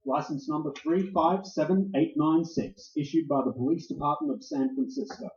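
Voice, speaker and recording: A man's voice: fairly high pitch, normal speed, a little mellow, lightly acted. A man playing a hard-boiled private detective in a 1940s-style radio play, with dry, sardonic, clipped tough-guy talk. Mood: wry narration. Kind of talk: 1940s radio acting and narration. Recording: roomy, dull lo-fi recording.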